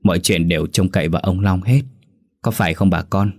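A man's voice: sits low, steady tone, brisk, a little mellow. A man doing a humble, deferential old villager. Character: humble older male villager.

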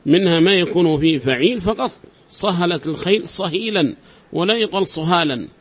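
A man's voice: high voice, expressive, a little fast, fairly bright tone, slightly rough. A man teaching a class, explaining step by step, repeating examples and quizzing his students. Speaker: teacher of Arabic grammar. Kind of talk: classroom lecture.

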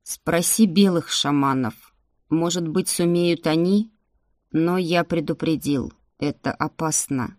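A woman doing an old shaman man, deep, slow and measured, quiet and cryptic, calm storybook mystic. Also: dry recording, clean studio sound. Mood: grave, cryptic. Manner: slow, low, measured pronouncements. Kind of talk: audiobook character voice.

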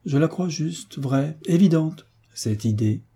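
A self-satisfied nobleman who talks in a smug, fussy way, read by a man. His voice sounds dark and husky. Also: on the high side, expressive, slow, voice pushed up, full character voice.

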